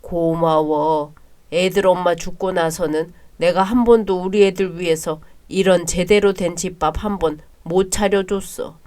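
A woman's voice: lowish voice, fairly even intonation, unhurried, mellow, natural voice. A woman voicing a weary old widowed father. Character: gruff widowed father-in-law, older man.

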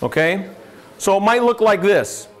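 A man's voice: high-pitched, animated, unhurried. A middle-aged American man, a financial adviser, giving a live classroom lecture with a conversational manner, quizzing the room and dropping dry sarcastic asides. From United States. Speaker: financial adviser teaching a seminar.

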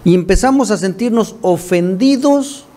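A man's voice: high-pitched, expressive, moderate pace, warm tone. A male pastor preaching a sermon in a church, earnest and direct, often calling listeners "my brother" and adding wry asides.

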